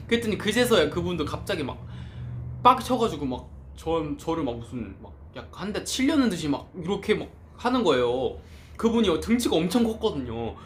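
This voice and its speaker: Animated male vlogger telling a story. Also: on the high side, a little hiss or hum. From Korea. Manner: animated, acts out quoted lines. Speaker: travel vlogger. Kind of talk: casual storytelling to camera.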